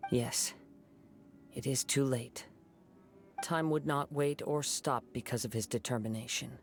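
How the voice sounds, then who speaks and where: A man playing a calm, reflective young swordsman in a video game, speaking in a measured, formal, solemn way. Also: mid-range voice, soft background music, close to an everyday voice. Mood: somber. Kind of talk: scripted game dialogue, solemn storytelling.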